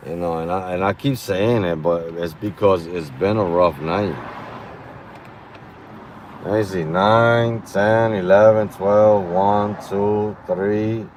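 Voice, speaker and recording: Tired, low-voiced rideshare driver muttering. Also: male voice, steady tone, slow pace, darkish tone. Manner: weary, muttering to himself, slangy. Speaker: rideshare driver streaming live. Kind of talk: casual live-stream chat. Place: inside a car at night. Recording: faint vehicle noise.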